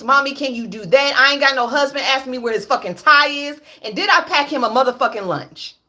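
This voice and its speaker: With a high, bright, forceful voice, a woman in her late thirties hosts a frank livestream. She swears freely, speaks bluntly and repeats herself for emphasis.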